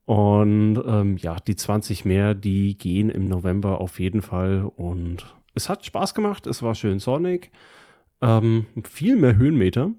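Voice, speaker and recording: Mellow, low-voiced man chatting casually. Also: a little slow. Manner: colloquial, slangy. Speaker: podcast co-host. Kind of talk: casual chat, telling about his week.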